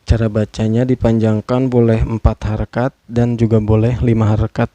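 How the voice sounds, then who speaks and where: A man's voice: on the low side, level tone, normal speed, dark tone, no echo, dull audio. A man teaching Quran recitation rules, patiently spelling out each rule and stretching words to demonstrate. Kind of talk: tajwid lesson with slow demonstrative recitation.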